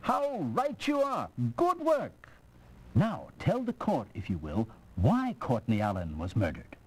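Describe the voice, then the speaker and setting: A hearty judge. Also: male voice, wildly swooping pitch, measured pace, husky, full character voice, low-quality recording. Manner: booming, hearty, formal. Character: jovial English court judge. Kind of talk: video game voice acting.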